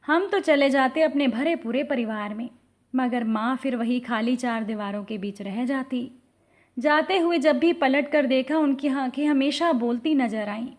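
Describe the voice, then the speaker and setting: A woman narrating an emotional family story in a slow, feeling reading style. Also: high-pitched, darkish tone.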